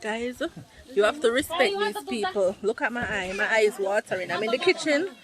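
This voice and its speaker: A woman's voice: fairly high pitch, sing-song, fairly quick. A Jamaican woman vlogging a trip, enthusiastic and chatty, calling her viewers guys. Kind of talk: casual travel vlog talk to viewers. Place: outdoors in a busy village setting. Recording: crowd chatter behind, outdoors.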